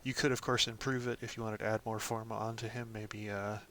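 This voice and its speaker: Male host for a casual game walkthrough, lower voice with a bright, forceful edge, relaxed filler-heavy delivery, faint background ambience. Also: a little fast, slight background noise. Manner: relaxed, lots of ums and "of course". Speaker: gaming channel host.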